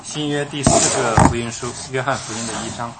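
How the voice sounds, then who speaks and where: A man interpreting for a Bible study and directing the reading, steady with some hesitant fillers. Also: mid-range voice, fast talker, very noisy.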